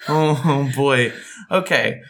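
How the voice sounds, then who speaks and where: Playful bright-voiced American man. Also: mid-range voice, drawn-out words. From Denver, Colorado, USA. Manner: playful, animated, laughs often. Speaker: podcast host. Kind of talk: casual podcast chat.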